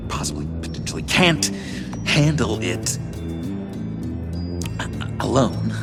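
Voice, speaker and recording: An actor playing an eager, unhinged, needy young male oddball in a video game, with a theatrical, hesitant then gushing delivery. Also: mid-range voice. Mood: nervous boasting. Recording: music under the voice.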